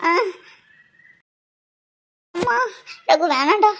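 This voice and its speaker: A woman voicing a playful, sharp-tongued young woman in a cartoon, who teases and then whines when scolded. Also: very high-pitched, expressive, extremely slow, heavily acted. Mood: in pain. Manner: teasing, coaxing, whiny when scolded. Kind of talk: cartoon voice acting.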